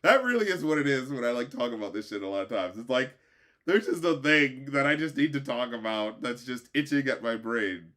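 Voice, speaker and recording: A man's voice: medium pitch, animated, brisk, pushed and bright. Exasperated man ranting, full of fillers. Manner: profane, rambling, exasperated, many fillers. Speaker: commentator. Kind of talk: casual rant about a show.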